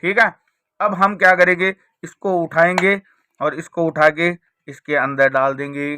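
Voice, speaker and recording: A man's voice: a little high, level tone, measured pace, sharp tone, a little hiss or hum. A man presenting a card trick tutorial, explaining it step by step with repeated rhetorical questions. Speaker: magic trick teacher and presenter.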